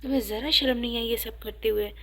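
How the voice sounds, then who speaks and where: A woman's voice: a little high, steady tone. A woman voicing an angry, stern father in an audio novel. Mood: furious. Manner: angry and harsh.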